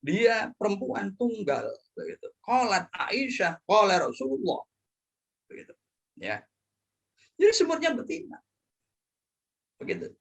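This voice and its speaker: A middle-aged man gives a lively lecture as a professor. He asks and answers his own questions in a playful way and drops in Arabic terms and phrases. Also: high voice, a little slow, pauses often.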